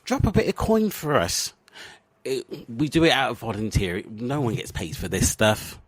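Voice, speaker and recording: English man, podcast host, comedic casual chat, self-mocking, mid-pitched voice, dry close sound. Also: huge pitch swings, moderate pace, no room sound. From England. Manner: playful, rambling, self-mocking.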